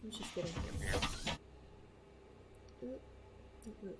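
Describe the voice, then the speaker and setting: A woman's voice: mid-range voice, huge pitch swings, measured pace, very noisy. A young woman hosting a casual let's-play from home, chatting and reading in-game text aloud with lots of ums. She has the hiccups. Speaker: gaming channel host. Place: home room.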